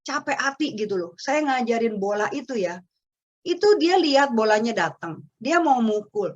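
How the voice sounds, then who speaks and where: Brief: middle-aged Indonesian woman, lively storyteller, slightly dull webinar audio. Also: on the high side, moderate pace. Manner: chatty, animated storytelling with acted quotes. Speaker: webinar speaker on parenting. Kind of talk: casual talk. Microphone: webinar microphone.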